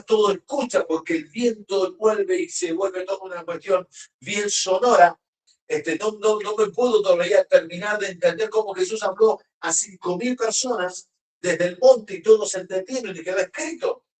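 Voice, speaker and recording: A preacher delivering a sermon, slowing and raising the voice to read verses aloud. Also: mid-range voice. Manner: emphatic, slows and raises voice when reading verses. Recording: roomy hall, voice from a distance.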